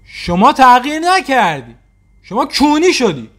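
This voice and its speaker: A man hosting a reaction video, teasing and mocking the clips he plays with quick sarcastic retorts. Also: very high voice, very animated. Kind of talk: casual mocking commentary.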